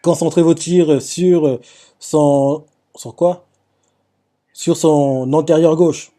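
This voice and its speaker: A man voicing a merciless pirate commander, reading the lines slowly and deliberately. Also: a little high, fairly even intonation, warm tone. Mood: cold. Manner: slow, deliberate line reading.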